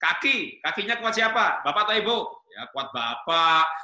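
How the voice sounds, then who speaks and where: A man's voice: high voice, very animated, normal speed, sharp tone, echoey room. A man preaching a humorous sermon to married couples, teasing the listeners with questions and jokes. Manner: joking, teasing the audience with questions.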